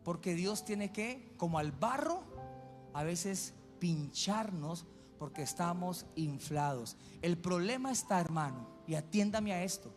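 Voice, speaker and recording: A man's voice: sits high, expressive, a little slow. A male pastor preaching a sermon in a church, telling stories dramatically. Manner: dramatic storytelling. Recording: church hall reverb, soft music.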